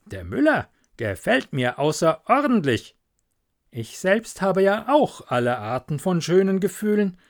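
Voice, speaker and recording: A man's voice: high-pitched, big pitch swings, unhurried, pitched above the performer's own voice, exaggerated voice. A man voicing a conceited, know-it-all male water rat in a storybook reading, speaking in a snooty, lecturing way.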